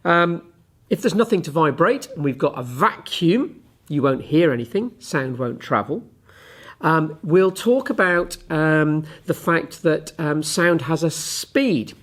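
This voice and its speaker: A male physics teacher talks straight to his pupils in a relaxed classroom manner. He fills his pauses with ums and works through ideas step by step while handling a ruler and a tuning fork. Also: on the high side. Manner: chatty, fills pauses with ums, demonstrates with objects. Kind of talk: relaxed classroom explanation to camera.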